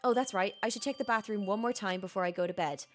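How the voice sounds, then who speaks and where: A woman's voice: mid-range voice, fast, a bit bright, a little hiss or hum. A woman gamer narrating a video game playthrough by reading it aloud expressively.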